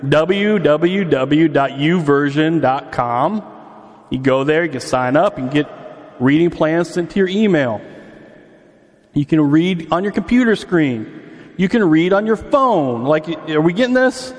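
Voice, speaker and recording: A man's voice: on the high side, lively intonation, a little slow. A man in his forties preaching a sermon in a church hall, chatty and quizzing the congregation, his voice echoing through a big hall. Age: 40s. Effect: big hall echo. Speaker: pastor. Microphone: PA microphone. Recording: reverberant hall.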